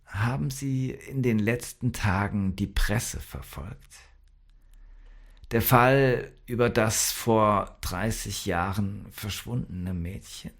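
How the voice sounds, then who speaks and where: A man's voice: medium pitch, lively intonation, slow pace, vocal fry, pitched above the performer's own voice, heavily acted. A man voicing a hesitant grieving woman. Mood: pleading. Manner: unsure, stammering pleas. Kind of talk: audiobook dialogue.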